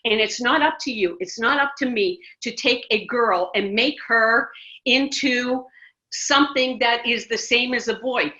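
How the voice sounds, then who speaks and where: Speaking at a measured pace, this middle-aged American woman's fairly high voice comes across pushed and bright. She is a ministry director and interview guest, casual yet emphatic, with many restarts, captured on a muffled lo-fi recording.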